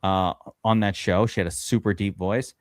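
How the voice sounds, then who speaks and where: A man's voice: fairly low pitch, fairly even intonation, moderate pace, dry recording, clean studio sound. Rambling man on a live stream. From USA. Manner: rambling storyteller, swears freely, many fillers. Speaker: podcast host drafting fantasy football. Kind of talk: casual live-stream chat.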